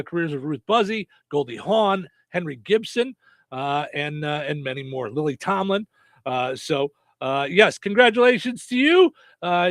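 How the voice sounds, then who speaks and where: A man's voice: high voice, fairly bright tone, dry recording, studio quality. A man hosting a radio show in a casual, chatty style. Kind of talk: casual radio banter and phone-in quiz.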